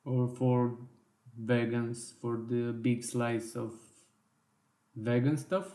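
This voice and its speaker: A man teaching a software design tutorial in slow, step-by-step instructions with small self-corrections, his voice worn and going hoarse. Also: mid-range voice, flat delivery, echoey room. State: losing his voice. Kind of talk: screen-recorded software tutorial.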